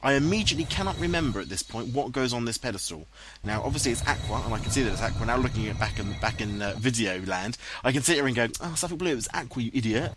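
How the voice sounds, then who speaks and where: An English-accented let's play commentator gives casual, self-mocking commentary over his own gameplay footage, speaking fast and animated with hardly any pauses in a mid-range voice. He recorded the voice-over later in a room at home on a headset, dubbed in post-production.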